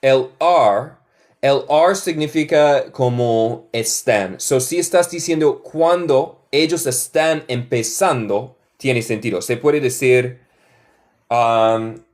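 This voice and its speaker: A man's voice: medium pitch, slow pace, a little mellow. A man from Michigan with a Northern US accent, a native English speaker teaching a live online lesson in Spanish and English. He repeats example sentences carefully and thanks viewers by name. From Michigan, United States.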